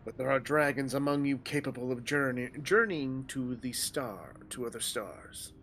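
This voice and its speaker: A man's voice: medium pitch, lively intonation, moderate pace, fairly bright tone, slight background noise. A man reading a weary ancient dragon. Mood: solemn. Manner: archaic solemn delivery with stumbles from reading on the fly. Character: weary ancient male dragon, grave and mournful.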